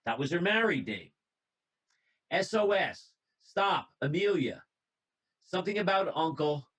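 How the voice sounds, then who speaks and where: A man speaking in a fairly high voice presents to a radio club over a video call. He tells the story in a loose, conversational way, reads out notes, and restarts a phrase now and then. The sound comes through a computer mic. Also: very animated, unhurried, fairly bright tone, rough recording.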